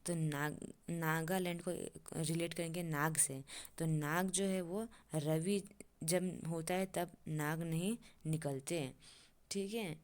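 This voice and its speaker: Young woman tutor, lowish voice, repeats everything and keeps checking in with "theek hai". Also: steady tone, slow. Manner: repetitive, keeps asking "ठीक है?" and checking on the listener. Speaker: teacher. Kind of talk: exam-prep memory tricks lesson.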